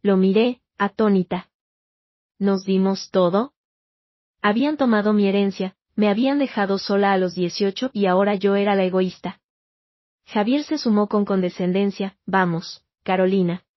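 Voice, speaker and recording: A woman tells a first-person story in a measured, even voice of middle pitch. The recording is dry with no room sound and slightly dull, muffled in the highs. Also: no room sound. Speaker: narrator.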